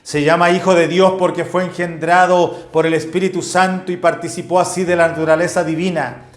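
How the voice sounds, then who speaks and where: A man's voice: fairly high pitch, level tone, brisk. A male pastor preaching a doctrinal sermon and citing Bible verses one after another. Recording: echoey room with faint music.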